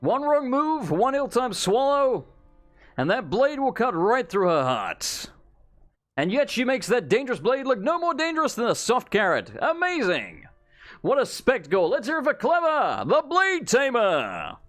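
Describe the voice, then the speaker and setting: Man putting on a bombastic, high-pitched fighting game announcer. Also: huge pitch swings, a bit bright, soft background music, heavily acted. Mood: grand hype. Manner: theatrical, bombastic, drawn-out emphasis. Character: booming, bombastic fighting-game style ring announcer hyping a performer.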